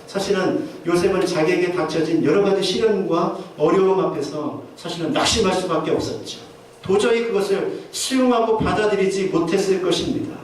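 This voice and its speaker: A man's voice: high-pitched, a little fast. A man preaching a sermon as pastor, earnestly asking his listeners question after question. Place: church sanctuary. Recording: very echoey church hall from far off, faint noise.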